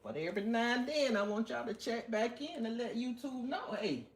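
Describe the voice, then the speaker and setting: A woman's voice: on the high side, expressive, brisk. A woman hosting a casual live stream, chatting to viewers while she wraps gift baskets. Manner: chatty, talks to viewers while working, drawls some phrases. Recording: clear background noise with crinkling and clicks. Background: crinkling wrap and clicks from crafting.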